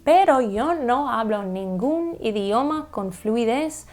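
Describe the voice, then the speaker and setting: A woman with a slightly high voice and English as her first language talks at a slow, unhurried pace. She rambles casually and pauses to fix her own grammar aloud. Soft music plays faintly behind her. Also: animated. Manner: self-correcting, thinks aloud about grammar; chatty with frequent laughs. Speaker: language-learning vlogger.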